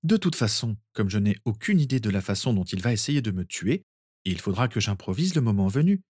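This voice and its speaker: A man's voice: lowish voice, sing-song, a little fast, darkish tone, breathy edge, no echo, studio quality. A man reading a story aloud, voicing a weary, guarded teenage boy. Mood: resigned. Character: tense teenage boy hero, weary, resigned. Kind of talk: audiobook character reading.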